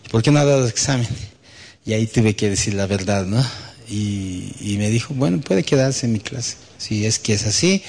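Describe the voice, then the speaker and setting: A man's voice: medium pitch, darkish tone, in a large hall. A man preaching a sermon as pastor, telling a personal story and asking rhetorical questions with frequent "¿no?" tags.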